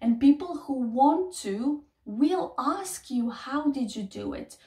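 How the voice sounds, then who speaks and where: A self-help vlogger in her thirties, not a native English speaker, delivers an emphatic, repetitive motivational talk to a camera a few feet away in a small bedroom. Her high voice is animated and mellow, and she speaks slowly, with the distant microphone picking up an echoey room.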